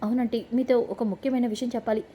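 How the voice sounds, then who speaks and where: A woman's voice: a little high, steady tone, fast, highs cut off, slight background noise, lightly acted. A woman voicing a scheming young daughter-in-law who speaks slyly and accuses others. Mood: accusing. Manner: sly, accusing.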